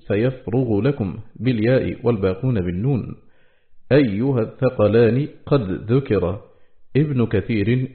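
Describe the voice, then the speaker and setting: A man reading a classical scholarly text aloud in a steady, measured way, slowing down on quoted words. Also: lowish voice. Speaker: audiobook reader. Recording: tinny phone-like audio.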